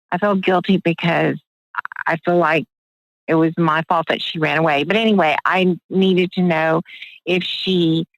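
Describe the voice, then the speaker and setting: A woman's voice: lowish voice, dry recording. An older woman from Houston, Texas, calling in over the phone and asking her question in a hesitant, apologetic way with many restarts. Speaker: caller. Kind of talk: call-in question to a psychic. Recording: muffled phone line.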